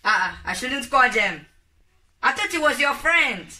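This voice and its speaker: A man's voice: extremely high pitch, very animated, unhurried, sharp tone, far from the mic, exaggerated voice. A young teenage boy with a West African accent playing a stern, suspicious, melodramatic parent in a homemade comedy skit, scolding with threats and exclamations. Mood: accusing. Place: small bedroom indoors.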